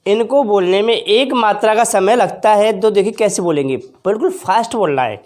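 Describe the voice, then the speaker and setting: A woman teacher giving a slow, careful exam-prep grammar lesson in Hindi, drawing out vowel sounds as examples and talking to viewers as friends. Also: medium pitch, darkish tone. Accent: Hindi, from northern India. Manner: addresses viewers as friends, anticipates their questions.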